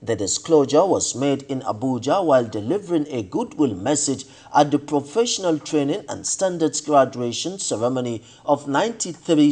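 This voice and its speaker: A man with a Nigerian English accent reading a scripted news report in a measured, formal way. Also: medium pitch, darkish tone, slightly rough.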